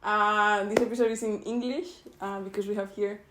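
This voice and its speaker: A young adult woman, a native Spanish speaker, hosting a casual podcast from her bedroom, chatty and quick to laugh. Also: mid-range voice, fairly even intonation, background noise. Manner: chatty, laughing easily, slangy. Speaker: podcast host. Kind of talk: casual chat. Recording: roomy bedroom.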